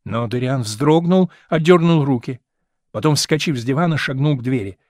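A man reading a novel aloud as narrator, measured and expressive. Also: mid-range voice, dry recording, studio quality.

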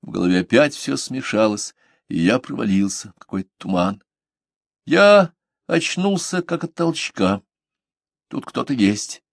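A man's voice: medium pitch, animated, unhurried, creaky, no room sound, studio quality. A man narrating a novel in the first person, reading expressively and dramatically. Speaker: audiobook reader. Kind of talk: scripted literary narration.

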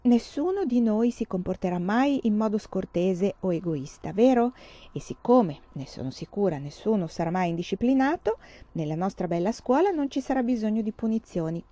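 A woman's voice: medium pitch, animated, moderate pace, warm tone, dry recording, natural voice. A woman voicing a young schoolteacher who is sweet, coaxing and talks on and on without stopping. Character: sugary, overly cheerful young schoolteacher woman. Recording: slightly dull, dry recording.

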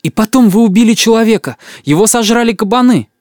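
Shrill angry kid, shouting with his voice breaking, very up and down, dry close mic. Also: lively intonation, quick pace, no room sound. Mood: outraged shouting. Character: shrill outraged young boy. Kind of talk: audiobook character voice.

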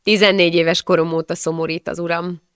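A woman's voice: on the low side, flat delivery, fairly bright tone, clean tone, dry recording, clean studio sound, natural voice. A woman reading the part of an outspoken, crude-talking young wife from the 1700s. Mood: sly. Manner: brash, crude, laughing. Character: bawdy, outspoken young married village woman.

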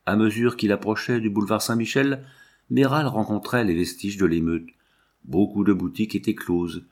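Male narrator, low voice, measured expressive novel reading. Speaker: audiobook narrator.

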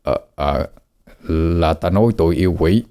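A man voicing a stern old male exorcist master, giving slow, solemn warnings. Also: low voice, warm tone, clean tone, lightly acted. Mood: grave.

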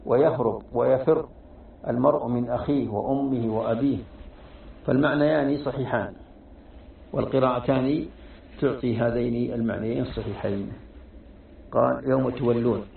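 A man teaching a religious text lesson, explaining slowly and often restarting his words. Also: mid-range voice, creaky, a little hiss or hum. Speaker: Islamic scholar teaching tafsir. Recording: tinny, echoey, from far off.

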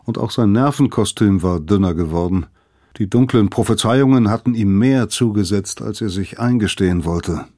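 A man reading an audiobook in a dramatic, sometimes hushed tone. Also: fairly low pitch, moderate pace, dry recording, studio quality. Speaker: narrator. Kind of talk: audiobook narration.

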